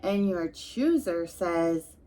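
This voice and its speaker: With a lowish voice and a slow pace, a woman reads a storybook aloud to young children in an expressive, sing-song way. She breaks off for chatty asides spoken directly to her listeners.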